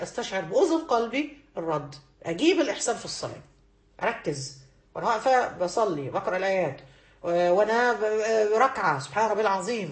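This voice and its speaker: A woman's voice: mid-range voice, echoey room. A woman with an Egyptian accent giving a religious lesson to women, emphatic and repeating key phrases to drive them home. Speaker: religious teacher.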